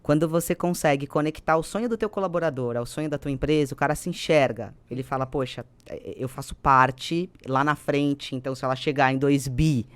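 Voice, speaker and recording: Speaking a little fast with few pauses, a Brazilian-accented woman with an extremely low voice appears as a podcast guest, a business executive and mentor. She explains ideas conversationally and emphatically, building her points through repetition and quoted speech. There's no room sound.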